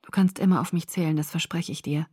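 A woman voicing a feverish young man who speaks quietly and sincerely, in a storybook reading. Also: deep voice, fairly even intonation, fast, slightly rough, dry recording, studio quality. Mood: earnest.

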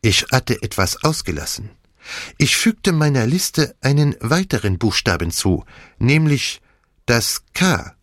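A man's voice: mid-range voice, big pitch swings, a little slow, fairly bright tone, dry recording, studio quality, pitched above the performer's own voice. A man voicing a fussy, commanding elderly Belgian detective who speaks German with a French accent in a precise, formal way. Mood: explaining. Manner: precise, formal, lightly theatrical.

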